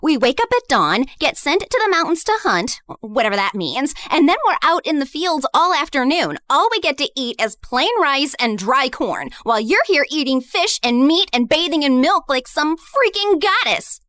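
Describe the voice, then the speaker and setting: A woman's voice: high-pitched, very animated, normal speed, few pauses, a bit bright, no room sound, studio quality. A woman playing a bitter, scornful teenage girl in a dramatized story, accusing and sneering at a former best friend. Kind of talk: dramatized first-person story acting.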